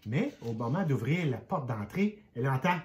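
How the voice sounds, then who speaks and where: An older man reading a children's book aloud as a grandfather, lively and expressive, going quiet for suspense. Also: medium pitch, moderate pace, slight background noise. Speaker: grandfather storyteller.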